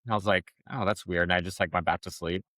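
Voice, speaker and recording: Low-voiced man telling his story. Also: fairly even intonation, fast, a bit bright, no echo. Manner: rambling, frank storytelling with many restarts and fillers. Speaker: podcast guest. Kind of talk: personal testimony in an interview.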